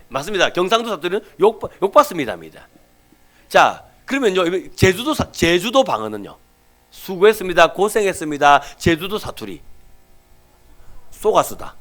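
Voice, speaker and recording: A middle-aged male pastor with a Gyeongsang Korean accent preaching a sermon, telling stories with acted voices and sometimes dropping to a near whisper for emphasis. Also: fairly high pitch. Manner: animated storytelling, acting out everyday people, dropping to near whispers for emphasis.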